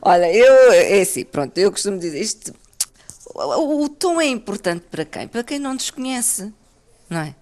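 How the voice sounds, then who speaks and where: A woman's voice: mid-range voice, normal speed. A woman with a European Portuguese accent, talking assertively on a discussion panel, often restarting her sentences. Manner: assertive, animated, many restarts. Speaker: panel guest.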